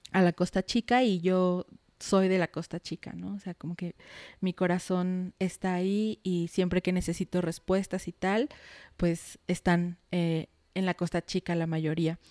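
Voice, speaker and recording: A woman's voice: on the low side, a little mellow, dry recording. A Mexican woman in her thirties, a podcast guest in a studio, talking in a reflective, earnest way. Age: 30s. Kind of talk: podcast interview.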